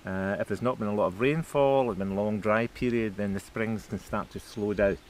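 A middle-aged man talks as a tour guide in a slightly deep voice. He is recorded outdoors on location, with noticeable ambient noise behind him. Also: normal speed. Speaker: distillery guide. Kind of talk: explanatory tour talk. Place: outdoors by a dam and pond.

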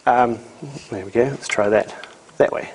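A man's voice: medium pitch, unhurried, a little mellow, a little hiss or hum, low-quality recording. A man with a thick New Zealand accent giving an informal, dryly humorous illustrated lecture. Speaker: guest lecturer, ecology professor. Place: lecture room, speaking to a small audience.

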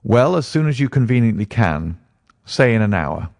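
A man voicing a sharp, commanding male detective who speaks briskly and insistently. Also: mid-range voice, big pitch swings, creaky, dry recording, studio quality.

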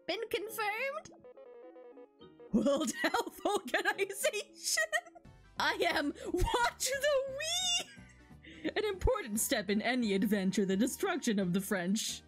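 A woman streamer reads video game dialogue aloud and adds casual commentary, giggling so often that her words break up. Her voice sits high, with big pitch swings, and she speaks slowly. Video game music plays behind her.

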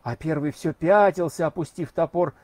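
A man reading a novel aloud as an audiobook narrator, measured and expressive. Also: on the high side, dry recording. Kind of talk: scripted narration.

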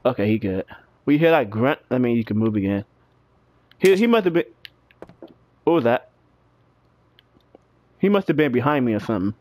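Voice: medium pitch, animated, moderate pace, pauses often, darkish tone, no room sound. A scared horror game streamer giving casual, nervous, giggly commentary with swearing while playing. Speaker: video game player.

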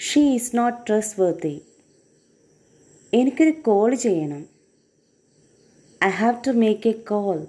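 Woman, Malayali accent, English teacher, repeated phrase drills, very slow, mellow. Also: mid-range voice, animated. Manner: slow, deliberate.

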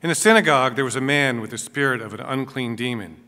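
A man proclaims the Gospel at a Mass with slow, measured phrasing. His voice is bright and forceful, and it carries a long cathedral echo that fills a large church. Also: mid-range voice. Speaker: Gospel reader at a school Mass. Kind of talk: liturgical Gospel reading.

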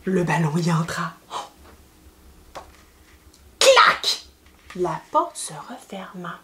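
A woman's voice: fairly low pitch, expressive, unhurried. A woman with a Québécois French accent, a speech therapist reading a children's picture book aloud with sound effects and little asides to the child.

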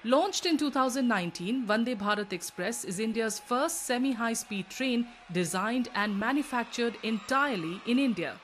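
A woman's voice: on the high side, normal speed, hardly any pauses, slight background noise. Woman reading a formal news voice-over. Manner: even, formal read. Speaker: news narrator. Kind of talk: scripted voice-over narration.

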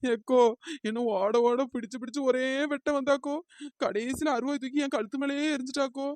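Cartoon village woman, scared and pleading, fast and higher-voiced, played by a woman. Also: a little mellow, slight background noise, natural voice. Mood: tearful. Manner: fearful, pleading village chatter with drawn-out calls. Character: frightened village woman Chinnaponnu, fearful and whiny. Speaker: cartoon character. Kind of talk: cartoon comedy dialogue.

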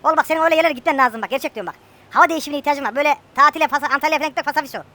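A woman's voice: high-pitched, racing, sharp tone. A woman chatting casually and joking with a friend while playing a farming game. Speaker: gameplay streamer.

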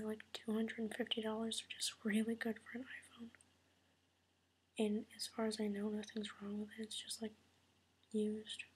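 A woman's voice: fairly high pitch, slightly rough. A tired young woman whispering a late-night vlog at home so as not to wake her mother. She rambles with many fillers and wears a retainer. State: tired and upset. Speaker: vlogger.

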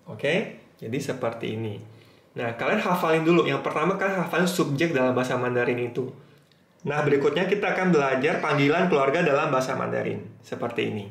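Man slowly drilling words, echoey room. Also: a little high. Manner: slow, repeats each word for drill. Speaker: Mandarin teacher. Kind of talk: flashcard tutorial.

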